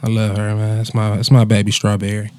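A man's voice: fairly low pitch, completely flat delivery, a little fast, a little mellow, dry recording. A man in his twenties, a musician chatting casually in a laid-back, slangy bro manner with plenty of swearing. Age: 20s. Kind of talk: casual conversational storytelling.

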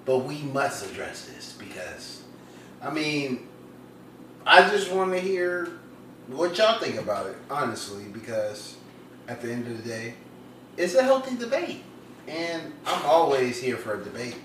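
A man co-hosting a podcast in casual banter, talking slowly and long-windedly with dramatic emphasis. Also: medium pitch, sing-song, a bit bright, echoey room, distant mic, a little hiss or hum, low-quality recording. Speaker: podcast co-host.

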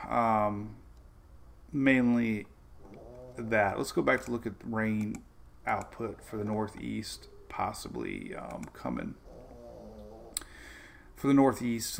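A man's voice: lowish voice, creaky, slight background noise. A man hosting a live weather stream, chatting loosely about the tropics, greeting viewers by name and laughing often. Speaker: weather show host. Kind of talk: live-streamed weather talk reading chat.

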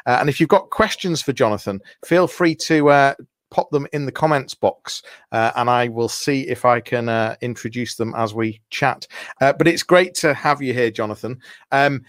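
Male interview host, halting with lots of "uh"s, dry booth sound. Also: mid-range voice, fairly bright tone, no room sound. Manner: hesitant, many filler sounds. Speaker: podcast host. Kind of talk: live video interview.

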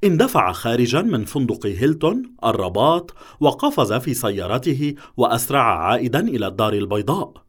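A man doing expressive narration of a thriller audiobook. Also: medium pitch.

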